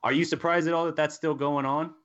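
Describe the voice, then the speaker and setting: A man's voice: on the high side, flat delivery, fast talker, a bit bright. A man hosting a casual sports livestream in an upbeat way, reading out chat names and steering the topics. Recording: dull lo-fi sound.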